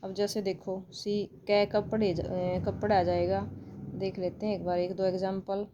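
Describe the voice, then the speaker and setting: A woman's voice: medium pitch, flat delivery, moderate pace, lo-fi sound, background noise. A woman with an Indian accent teaching English phonics online, explaining patiently and repeating each sound.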